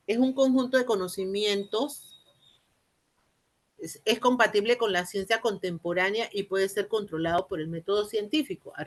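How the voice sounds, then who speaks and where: A university lecturer in teacher training, a woman with a Panamanian Spanish accent, delivers an explanatory lecture in a medium pitch. She speaks haltingly, repeating and rephrasing phrases and posing rhetorical questions.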